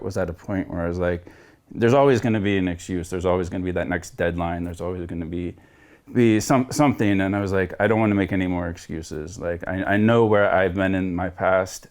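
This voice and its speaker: A coaching client in his forties from Florida, United States, tells his personal story frankly on a video call. His low, slightly mellow voice carries an earnest, reflective tone, and he wanders and starts over as he goes.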